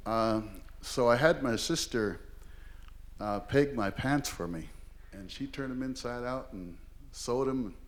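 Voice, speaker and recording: A man's voice: mid-range voice, takes it slowly. A man in his sixties from Oregon, a language teacher, telling a humorous story live on stage with lots of fillers. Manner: rambling and humorous, heavy with fillers. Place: performing arts hall, live event.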